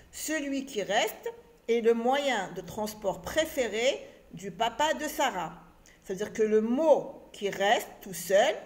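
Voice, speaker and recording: Slow, patient woman teaching reading. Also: fairly high pitch. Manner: slow, spelling words letter by letter. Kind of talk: early reading lesson.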